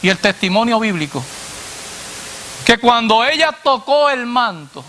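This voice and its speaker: A man preacher delivering a sermon to a congregation, asking "what?" and answering himself in a lower voice, addressing listeners as brother. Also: sing-song, measured pace, bright, forceful tone, slight background noise. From Latin America. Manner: call-and-response questions, dropping low on the answer.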